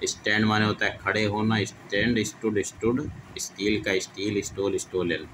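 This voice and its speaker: A man teaching English grammar in Hindi with a Hindi accent, repeating each verb form slowly in drill style. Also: on the low side, little pitch movement, background noise. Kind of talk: classroom lesson reciting verb forms.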